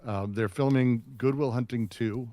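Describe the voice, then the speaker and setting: A man's voice: medium pitch, moderate pace, warm tone, slight background noise. A man co-hosting a casual podcast, speaking bluntly and profanely with open exasperation.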